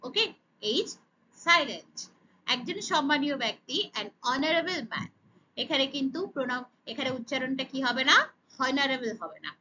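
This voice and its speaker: Bengali-accented woman teacher, high bright voice, self-answering questions, dull lo-fi sound. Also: expressive, normal speed, slight background noise. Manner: asks and answers her own questions, says "okay" often. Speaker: English teacher for children. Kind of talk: explaining grammar lesson.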